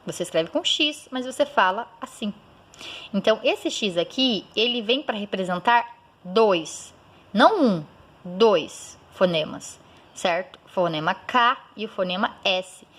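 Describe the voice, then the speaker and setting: A female teacher in a recorded school lesson breaks words down slowly, syllable by syllable, frequently checking understanding with a quick "certo?". Her medium-pitched voice is a bit bright, with lively intonation.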